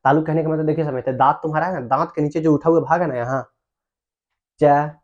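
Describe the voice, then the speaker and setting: A man teaching a grammar lesson in a somewhat high voice. He keeps asking his students short questions and then answering them himself. He repeats each key term several times so that it sticks. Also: fairly even intonation, very fast, muffled recording. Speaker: Hindi teacher.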